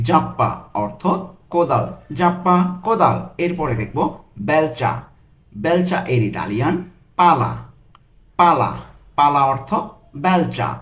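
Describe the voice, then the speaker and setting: A man teaching a vocabulary lesson as a tutor, saying each foreign word slowly and repeating it with its meaning. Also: on the high side, a bit bright, echoey room. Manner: slow, drawn-out repetition of each foreign word. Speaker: language tutor.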